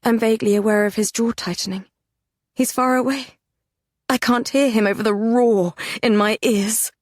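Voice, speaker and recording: Woman reading dark fantasy romance. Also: fairly high pitch, fairly even intonation, normal speed, dry recording, studio quality. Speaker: audiobook narrator. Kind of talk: first-person fantasy romance narration.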